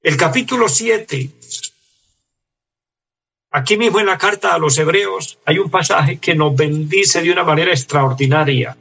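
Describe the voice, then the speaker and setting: A man's voice: a little high, a little slow, vocal fry, bright, forceful tone, husky. A man preaching a sermon in an earnest, pleading way, reading scripture aloud to his listeners.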